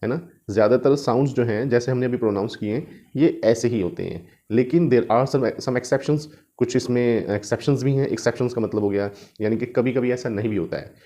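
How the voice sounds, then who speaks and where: A man's voice: medium pitch, dark tone. A man teaching spoken English, switching between Hindi and English and repeating each point in both languages. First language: Hindi or Urdu. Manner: sounds out letters slowly and drawn out.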